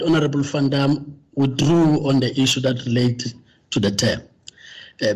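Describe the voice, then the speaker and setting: A man chairing a formal committee meeting, speaking haltingly with many fillers. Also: mid-range voice, breathy edge, poor audio.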